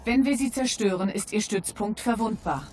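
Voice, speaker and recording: An actress playing a composed battlefield computer announcer in a video game, measured and formal. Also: female voice, mid-range voice, darkish tone, close to an everyday voice. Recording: game battle noise behind.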